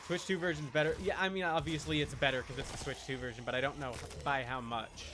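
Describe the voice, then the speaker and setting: A man with a medium-pitched voice and fairly even intonation chats quickly and casually on a gaming livestream, with background noise and faint video game sound. He rambles and gets emphatic as he corrects himself.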